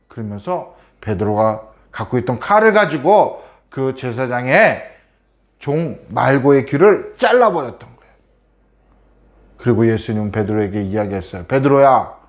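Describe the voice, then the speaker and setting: Male children's preacher from Korea, storytelling style, asks questions, average pitch.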